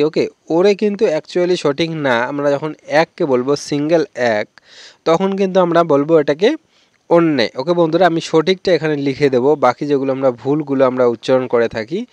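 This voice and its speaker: A man teaching Malayalam numbers in a YouTube lesson, slowly repeating each word and keeping up a steady stream of "okay friends.". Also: fairly high pitch, dry recording. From Bengal. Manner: repetitive, keeps saying "okay friends". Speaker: language teacher.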